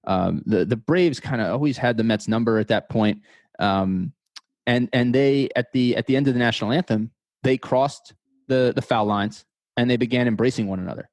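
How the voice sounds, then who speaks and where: A man's voice: mid-range voice, moderate pace, a little mellow, no room sound. A man in his thirties from the United States, a podcast guest talking in a casual interview, thoughtful and often repeating words as he thinks. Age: 30s.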